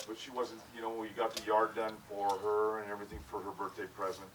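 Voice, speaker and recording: This Hawaii-born man in his sixties, a widower, speaks at a memorial he's hosting in a backyard, his voice on the low side with little pitch movement and a fast delivery. Holding a handheld mic, he offers a casual, joking, heartfelt speech with many fillers and restarts, recorded from a distance amid a crowd and background noise.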